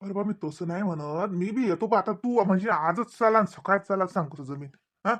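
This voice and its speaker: A man's voice: high-pitched, fairly quick, fairly bright tone. A man voicing an easygoing, penny-pinching village farmer husband in a cartoon, with a mild, placating drawl.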